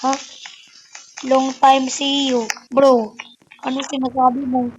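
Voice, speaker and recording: Woman YouTuber, high voice, unhurried, excitable game chatter. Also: muffled recording, slight background noise. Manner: excitable, chatty, code-switching, frequent exclamations. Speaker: YouTuber playing an online game. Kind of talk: casual gameplay commentary.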